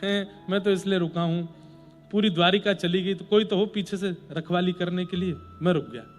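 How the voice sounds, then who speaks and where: A man's voice: high voice, normal speed, long reverb tail, soft background music, lightly acted. A man voicing a sulky, proud elephant-headed god who refuses in a grumbling, stubborn way, inside a sermon's storytelling.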